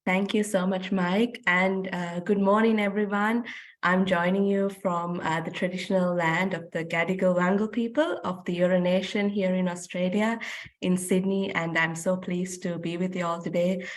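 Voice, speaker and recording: A woman from Sri Lanka with a somewhat low voice speaks as a webinar guest, telling her story in a composed, prepared way with only light fillers. She is heard through a video-call mic. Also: level tone, normal speed. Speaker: guest speaker, policy advisor. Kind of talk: prepared personal talk. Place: home at night.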